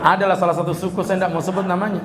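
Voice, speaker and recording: A man's voice: high voice, little pitch movement, over a noisy crowd. A male preacher giving a humorous sermon at a police event, joking and mimicking regional accents. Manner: jokey, mimics regional accents, chants Quran slowly.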